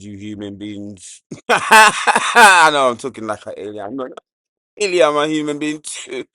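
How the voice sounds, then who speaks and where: A man from hosting a casual commentary show, loose and joking, jumping from low mutters to loud outbursts. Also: dry recording, studio quality. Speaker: show host.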